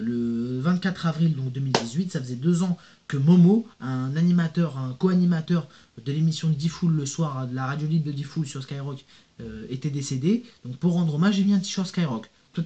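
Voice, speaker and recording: Here a young YouTuber with a slightly high, dark-toned voice goes through viewer comments in a casual vlog. He reads each one aloud and rambles back in slang, talking right to the viewer. Audio quality is dull and lo-fi.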